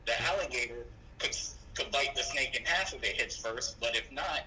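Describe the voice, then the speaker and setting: A man's voice: medium pitch, animated, moderate pace, bright, forceful tone, a little hiss or hum, rough recording. Man on a speakerphone call. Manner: matter-of-fact, explains in detail. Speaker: phone-in friend. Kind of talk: casual chat.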